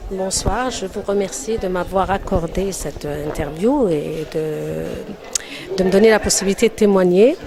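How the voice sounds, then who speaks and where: A woman speaks at an average pitch as an interview guest. She gives her testimony emphatically and insists on her points. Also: a little slow, a crowd in the background. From Algeria. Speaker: interview guest, former university teacher.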